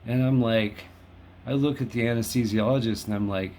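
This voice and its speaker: A man's voice: medium pitch, fairly even intonation, moderate pace, a little mellow, a little hiss or hum. A man in his fifties hosting a casual home video, talking in a chatty, wry, self-deprecating way. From Los Angeles. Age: 50s. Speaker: host. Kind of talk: casual monologue to camera. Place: home in West Hollywood.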